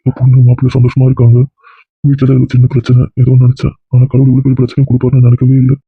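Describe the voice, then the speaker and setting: A man's voice: mid-range voice, monotone, no echo, lightly acted. A man playing a distraught middle-aged father who desperately begs to see his injured daughter. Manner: desperate rapid pleading. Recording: husky voice on phone-like dry recording.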